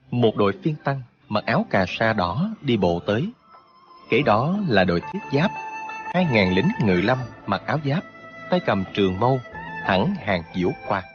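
A man narrates a martial arts novel in an expressive, steady way. His voice is low and his intonation lively. The recording is dull and lo-fi, with faint music underneath. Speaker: audiobook narrator.

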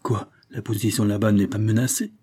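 A man's voice: fairly low pitch, steady tone, fairly quick, dark tone, slightly rough. A man reading aloud and voicing an angry, impatient older male schemer who speaks harshly and curtly. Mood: furious.

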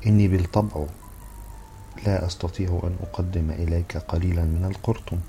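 A man's voice: deep voice, fairly even intonation, brisk, mellow, soft background music. A teasing young woman, read by a man. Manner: playful, teasing. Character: teasing young Frenchwoman, amused.

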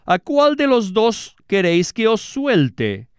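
A stern Roman governor, as a scripture reader puts him on, asks questions in a slow, lifted voice. The tone is smooth and dry. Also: male voice, high-pitched, huge pitch swings, no room sound, pitched above the performer's own voice, heavily acted. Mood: questioning.

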